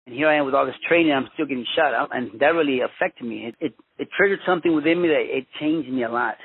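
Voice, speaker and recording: A man in his fifties, born in Mexico and raised in Los Angeles, telling his own story as a former police officer, halting and restarting often. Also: medium pitch, slight background noise. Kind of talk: personal storytelling interview. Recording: tinny phone-line audio.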